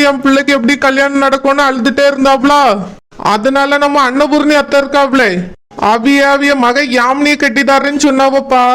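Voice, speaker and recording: Man doing a soft-spoken older brother, high cartoon voice, kanyakumari tamil accent. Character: patient elder brother, explaining gently. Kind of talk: cartoon voice acting.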